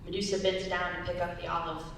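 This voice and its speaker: At a live staged reading, a young adult woman serves as narrator, reading scripted stage directions quickly in a low, flat voice. The large indoor room sounds like an echoey hall heard from afar, with faint noise.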